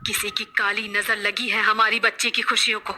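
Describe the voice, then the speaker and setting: A woman's voice: medium pitch, flat delivery, normal speed, bright, forceful tone, faint music behind. A woman voicing an anxious, superstitious middle-aged village mother who frets and pleads. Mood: alarmed. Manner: fretful and pleading.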